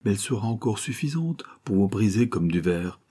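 A man's voice: on the low side, lively intonation, a little fast, dark tone, breathy edge. A man voicing a hot-tempered, skeptical male stranger who argues with scorn, in a storybook reading. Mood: heated, scornful. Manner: vehement, scornful objections.

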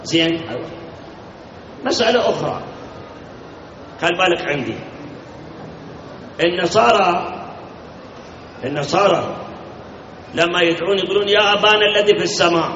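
Man preaching, high pitched, emphatic, repeats words, asks the crowd questions; distant mic, echoey hall, lo-fi. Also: animated, moderate pace, pauses often, a bit bright, slight background noise. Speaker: cleric. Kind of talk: sermon.

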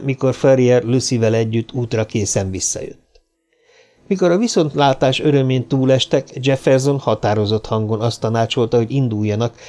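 A man reading an audiobook in a steady, measured storytelling manner. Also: mid-range voice. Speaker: audiobook narrator. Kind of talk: scripted narration.

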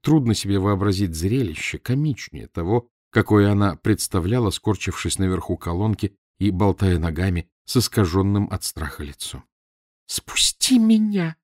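Male audiobook narrator; low, animated, dry studio read. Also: moderate pace, few pauses, no echo. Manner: expressive, lively storytelling.

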